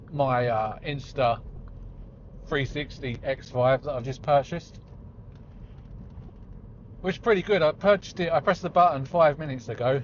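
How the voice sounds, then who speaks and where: A man in his forties, chatting in a rambling, self-deprecating way while driving his car. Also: medium pitch. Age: 40s. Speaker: vlogger. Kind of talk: casual chat while driving. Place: inside a car on the road. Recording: slightly dull audio with faint road noise.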